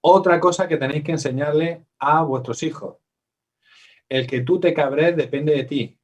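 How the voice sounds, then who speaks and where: Guy psychologist talking to parents, chatty, asks the room questions, slightly high voice. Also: moderate pace, distant mic. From Spain. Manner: conversational, asks the audience questions, acts out quotes. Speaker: psychologist giving a parenting workshop. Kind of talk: live workshop talk to parents.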